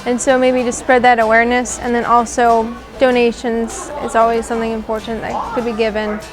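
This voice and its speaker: A teenage girl answering an interview question haltingly, saying "like" often. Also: on the high side, little pitch movement. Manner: halting, with frequent likes. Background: music.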